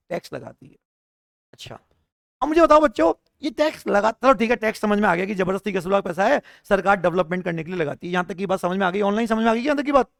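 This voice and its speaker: A man's voice: high-pitched, creaky, no room sound, studio quality. A man with a sore throat, lecturing a class on tax and firing rhetorical questions at the students in a joking, argumentative way. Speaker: tax teacher at a coaching class.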